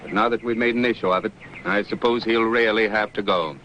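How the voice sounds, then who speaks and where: A stern older banker father, lecturing in a formal, measured way. His voice sits low but sounds bright and forceful, with light hiss underneath. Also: fairly even intonation, muffled recording.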